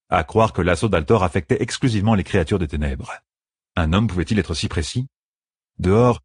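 A man narrating a fantasy novel in a measured, dramatic reading, close to the mic. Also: deep voice, darkish tone, breathy edge, dry recording. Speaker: audiobook narrator.

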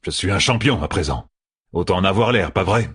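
A man's voice: sits low, fairly quick, a bit bright, husky, no echo, studio quality, full character voice. A man reading an audiobook, voicing a confident male battle channeler who jokes and gives orders. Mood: wry. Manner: joking, commanding. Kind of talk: audiobook narration.

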